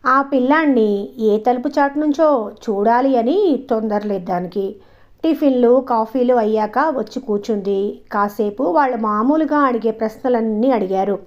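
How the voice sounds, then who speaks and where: Woman storyteller, first-person audio story, expressive conversational read, dull lo-fi audio. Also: a little high.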